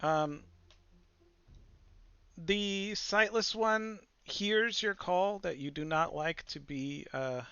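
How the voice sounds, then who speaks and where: A man's voice: high-pitched, slow, bright, forceful tone, clear, resonant tone, dry recording, dull audio. A man running a tabletop roleplaying game as game master, moving between rulings and dramatic description. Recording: faint music behind the voice.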